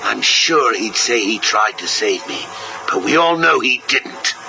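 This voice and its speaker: Theatrical clown villain, gravelly and swooping, slow, hissy tape playback. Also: male voice, on the low side, lively intonation, over music, rough recording. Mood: sardonic. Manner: sarcastic, sing-song, cackling. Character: manic male villain clown, mocking and theatrical. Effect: played back from an old interview tape. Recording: hissy cassette tape recording.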